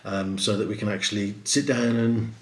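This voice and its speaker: A man's voice: fairly low pitch, fairly even intonation, moderate pace. A middle-aged man, chatting casually on a live stream and answering comments, with lots of fillers and restarts. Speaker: host of a live stream for a prize-draw site.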